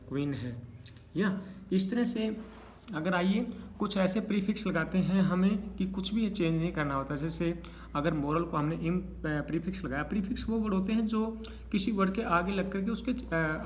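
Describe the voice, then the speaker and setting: Male teacher, fairly high voice, patient explainer, steady classroom lesson delivery. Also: normal speed, a little hiss or hum. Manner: patient, repeats checks like "okay" between examples. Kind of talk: explaining spelling rules to students.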